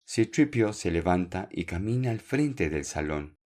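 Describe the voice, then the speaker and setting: A man teaching a podcast Spanish lesson, speaking slowly and clearly, repeating words for learners and encouraging them. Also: deep voice, animated, darkish tone.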